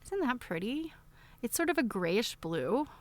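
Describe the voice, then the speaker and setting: Very animated and a little high, this woman's darkish voice moves at an unhurried pace as she hosts a casual unboxing livestream. She rambles and thinks aloud while showing off items and quizzing her viewers in chatty show-and-tell fashion.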